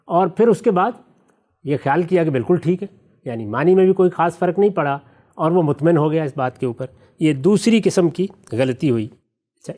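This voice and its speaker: A man, a religious scholar, explaining a subject step by step in a measured, teacherly way and reciting verses slowly as examples. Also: a little high, a little mellow. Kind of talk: explanatory discussion answering questions.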